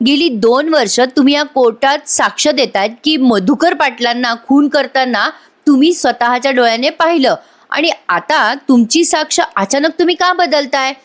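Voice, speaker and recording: A sharp female lawyer questions a witness about her changed testimony, voiced by a woman narrator. The delivery sits fairly high and stays close to the narrator's own voice. It is a voice-over recap of a serial. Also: normal speed, natural voice. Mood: challenging. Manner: pointed, challenging questions.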